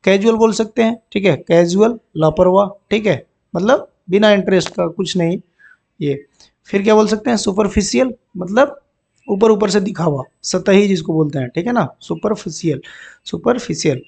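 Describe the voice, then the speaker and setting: A man's voice: high-pitched, vocal fry, a little mellow, breathy edge. A man teaching English vocabulary for bank exams, explaining each word in Hindi and often asking "ठीक है ना" to check in. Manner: explains words in Hindi, repeats terms, frequent "ठीक है ना" check-ins; reads example sentences slowly and deliberately.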